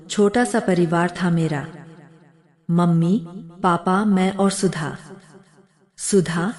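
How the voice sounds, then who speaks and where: A woman narrating an emotional story in a slow, measured, heartfelt way. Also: fairly low pitch, darkish tone.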